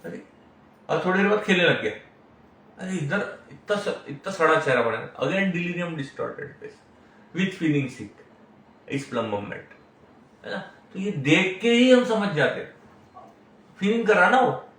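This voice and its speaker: A man's voice: high voice, animated, slow pace, pauses often, fairly bright tone. A middle-aged man, a homeopathic doctor giving an explanatory lecture on case taking and often tagging his points with questions. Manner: explains with frequent tag questions. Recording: very echoey room, mic far off.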